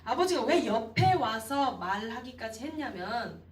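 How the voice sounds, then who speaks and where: A woman evangelist preaching a youth sermon in an expressive storytelling manner, acting out the people in the story. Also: a little high, measured pace. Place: church sanctuary. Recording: roomy echo, distant mic.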